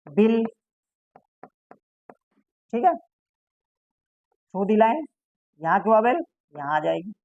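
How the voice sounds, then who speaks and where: A woman's voice: mid-range voice, big pitch swings, drawn-out words, pauses often, no echo, dull audio. A woman teaching a shorthand lesson, asking her class questions and answering them herself.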